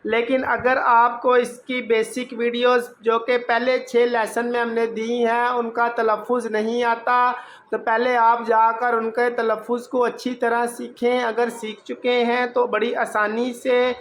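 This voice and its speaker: A woman teaching a reading lesson, spelling out letters one by one and blending them into words in a patient, steady way. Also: on the high side, slight background noise. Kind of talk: slow letter-by-letter phonics lesson.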